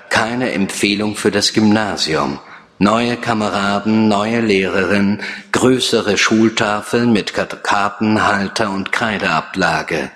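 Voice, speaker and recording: A man giving a measured, deliberate reading of literary prose, like an author reading his own work. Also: fairly low pitch, fairly bright tone. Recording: long hall reverb.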